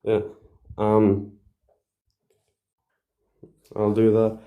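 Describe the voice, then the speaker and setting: A young man from Bosnia, speaking English as a second language, talks casually in a low voice. He hesitates often, filling gaps with fillers and restarting his sentences. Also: completely flat delivery, drawn-out words, narrow, tinny audio. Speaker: livestream guest. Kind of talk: casual chat.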